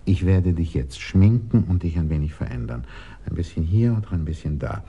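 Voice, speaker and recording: A man's voice: deep voice, expressive, normal speed, dark tone, husky, dull audio, exaggerated voice. An actor playing a scheming man who commands and instructs others at length, in a 1980s radio drama. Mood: coaxing.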